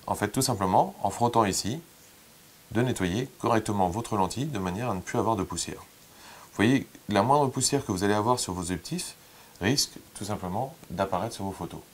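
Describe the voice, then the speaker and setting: Low-voiced guy showing how to clean camera gear, chatty and laid back, lots of ums. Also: a little hiss or hum. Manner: relaxed, chatty explaining with frequent hesitations. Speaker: photography teacher. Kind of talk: casual hands-on demonstration.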